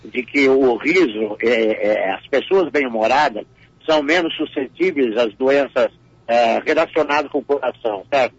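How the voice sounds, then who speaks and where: An older male comedian telling stories in a radio interview, tripping over repeated words as he goes. His voice is gravelly and husky. The sound is dry and a little muffled. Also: medium pitch, moderate pace, no echo. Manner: repeats words often, storytelling. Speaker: comedian guest.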